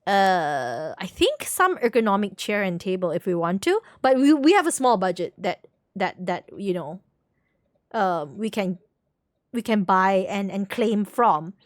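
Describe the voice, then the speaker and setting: A woman livestreamer chats casually with her viewers, rambling, repeating words and searching for terms. Her mid-range voice swings widely in pitch at a measured pace, recorded in clean studio sound with no echo.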